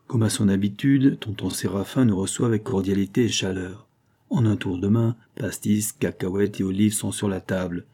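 Brief: male audiobook reader, first-person crime story, dark husky tone. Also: fairly low pitch, normal speed. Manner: colloquial, wry slangy delivery. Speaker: audiobook narrator.

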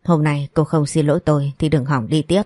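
A woman's voice: sits low, fairly even intonation, brisk, warm tone, no room sound, faint music behind. A woman voicing a spiteful, scheming young woman who sneers and insults her rival.

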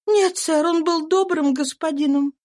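A woman reading an audiobook voices a desperate young runaway mother, speaking high, fervent and pleading. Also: unhurried, darkish tone. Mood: earnest. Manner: pleading, fervent, trembling with urgency.

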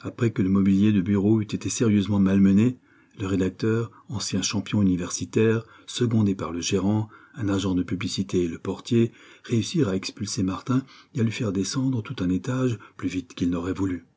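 Dark, husky male narrator. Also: lowish voice, steady tone, fairly quick. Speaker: audiobook narrator. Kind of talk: scripted narration.

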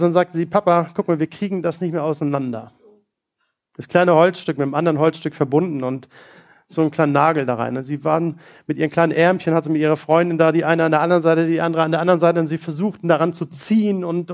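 Middle-aged male preacher, fairly high voice, personal storytelling sermon. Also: fast talker, darkish tone, highs cut off.

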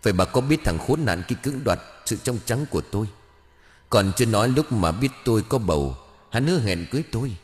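A man's voice: fairly low pitch, animated, fast, big-room sound, soft background music, natural voice. A man voicing the vengeful ghost of a young woman, bitter and grieving, spitting out harsh words in an audio ghost story. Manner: harsh, spits words one by one.

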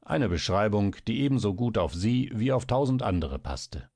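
A man voicing a gruff, irritable older male doctor in an audiobook, who grumbles impatiently. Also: lowish voice, big pitch swings, normal speed, darkish tone, no room sound, clean studio sound. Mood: grumbling.

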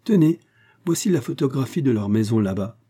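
A man's voice: mid-range voice, animated, a little fast, mellow, husky, voice pushed up. A man voicing a talkative, fussy elderly woman fruit-seller in an audiobook. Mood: eager, chatty. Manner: eager, talkative, effusive.

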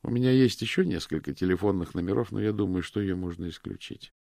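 A man voicing a brisk, matter-of-fact female detective. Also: low-pitched, vocal fry, a little mellow, no echo, studio quality. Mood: businesslike.

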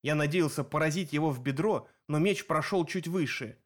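A man's voice: a little high, moderate pace. Man narrating an action audiobook. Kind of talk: first-person scripted narration.

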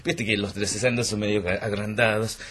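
A man's voice: fairly low pitch, steady tone, a little fast, a bit bright, husky. A man from England whose first language is English, a writer guesting on a radio show, telling stories in a joking way with frequent restarts. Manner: wry, joking storyteller with hesitant restarts. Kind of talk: casual radio interview chat. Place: radio studio.

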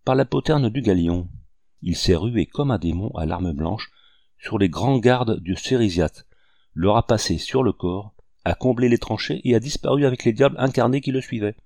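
A man's voice: on the low side, moderate pace, a little mellow, dry recording, clean studio sound. A man reading as a jovial, urgent young general. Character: jovial Creole male general in his thirties.

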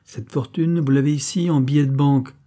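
A man's voice: on the high side, fairly even intonation, a little fast, dark tone, pitched above the performer's own voice, close to an everyday voice. A man reading an audiobook voices a cold, implacable scheming creole woman who speaks in a cool, threatening, commanding way. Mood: coldly threatening.

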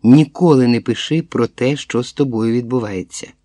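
A man reading the lines of a weary, bedridden mother who speaks quietly and insistently. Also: medium pitch, normal speed, no room sound, close to an everyday voice.

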